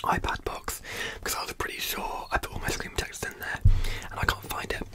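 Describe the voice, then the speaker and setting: British man whispering fast, aggressive ASMR. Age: 20s. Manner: rapid whispering, often repeating phrases. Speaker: ASMR video creator. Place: small home room with acoustic foam, indoors. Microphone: large close microphone with foam windscreen.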